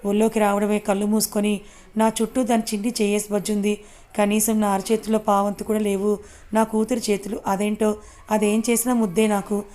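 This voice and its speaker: Woman, audiobook narrator, first-person story reading, flat even delivery, mid pitch. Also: brisk.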